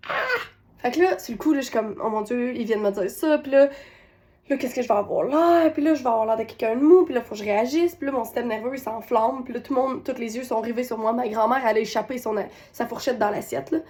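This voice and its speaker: A woman's voice: on the high side, quick pace, a little mellow. A woman with a Québécois accent telling a personal parenting story, retelling scenes with quoted voices. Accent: Québécois French. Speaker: parenting coach.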